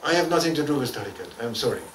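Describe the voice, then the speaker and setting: A man preaching as a sheikh in short, halting phrases, pausing for his interpreter. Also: mid-range voice, animated, slight background noise. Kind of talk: sermon with interpreter. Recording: echoey room, voice from far off.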